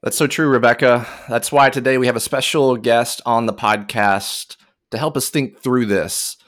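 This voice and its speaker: A man's voice: medium pitch, steady tone, normal speed, a bit bright, no room sound, studio quality. A man co-hosting a podcast, introducing a guest with enthusiasm. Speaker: podcast co-host.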